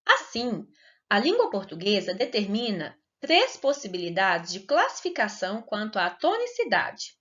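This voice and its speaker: A woman teacher giving a recorded lesson to young children, speaking slowly and clearly and stretching words to show the stressed syllable. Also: medium pitch, huge pitch swings, a bit bright. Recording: dull lo-fi recording.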